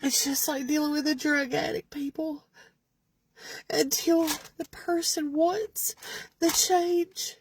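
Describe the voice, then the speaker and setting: A woman's voice: high-pitched, flat delivery, slow pace, a little hiss or hum. A middle-aged woman vlogging emotionally, tearful and pleading, her voice sometimes dropping into whispers. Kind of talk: emotional personal vlog.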